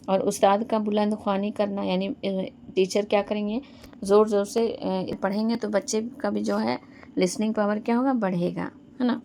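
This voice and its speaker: Gravelly-voiced woman teaching exam prep. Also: medium pitch, steady tone, mellow, a little hiss or hum. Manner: rhetorical questions answered herself, frequent "hai na".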